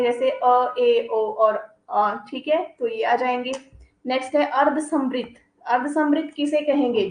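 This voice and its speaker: In a coaching class, a high-voiced woman teaches grammar, defining every term before giving examples and asking "ठीक है" to check understanding. The room sounds roomy and the recording is rough.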